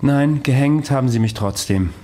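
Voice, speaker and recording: Man acting a world-weary immortal wanderer, mid-pitched. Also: normal speed, dark tone, slight background noise, close to an everyday voice. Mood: wry. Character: world-weary undying ancient Roman wanderer recounting his past. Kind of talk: audio drama dialogue and storytelling.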